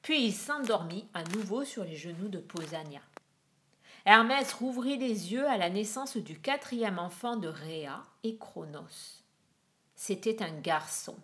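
Woman narrator, slow and expressive, storybook myth reading. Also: mid-range voice.

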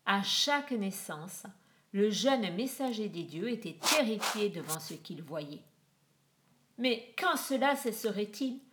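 A woman reading a myth aloud in a measured, expressive storybook manner. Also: medium pitch, a little hiss or hum.

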